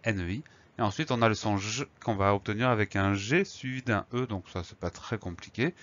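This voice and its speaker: A man teaching a spelling lesson, reading out words and spelling them slowly letter by letter. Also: lowish voice, a bit bright, dull audio. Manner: slow, careful spelling out of letters. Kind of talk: scripted lesson narration.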